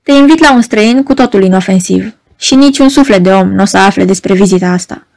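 A woman's voice: medium pitch, gravelly, darkish tone, natural voice. A woman reading an audiobook, voicing a cold, mocking red-haired male stranger in a dry, curt, scornful manner. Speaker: audiobook reader. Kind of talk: audiobook narration.

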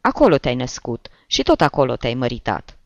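A man's voice: mid-range voice, big pitch swings, creaky, dry recording, lo-fi sound. A man voicing a courteous, formal middle-aged uncle in an audiobook reading.

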